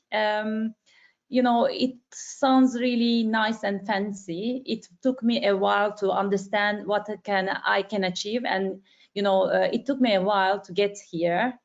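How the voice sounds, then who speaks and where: A woman introducing herself as a webinar panelist, relaxed and full of fillers, on a video call. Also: fairly high pitch. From Turkey. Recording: dull lo-fi call audio.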